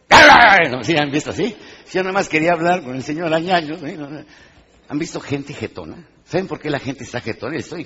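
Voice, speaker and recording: A man giving a live motivational talk, animated and questioning his audience, acting out little scenes. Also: medium pitch, breathy edge. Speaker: motivational speaker. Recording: dull, reverberant hall sound.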